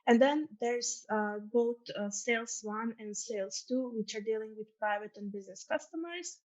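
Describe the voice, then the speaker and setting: A young woman with a Croatian accent gives an informal programme presentation, earnest and a little hesitant with frequent ums. Her voice sits somewhat high. The sound is dull and lo-fi. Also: darkish tone. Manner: earnest, fills pauses with um and uh. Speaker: student ambassador.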